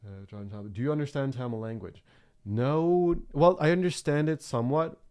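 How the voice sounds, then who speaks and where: A young Norwegian man streaming himself drawing chats casually as he works, his talk rambling and reflective with lots of fillers and restarts. His voice sits at a medium pitch and moves at a moderate pace, smooth and a little mellow.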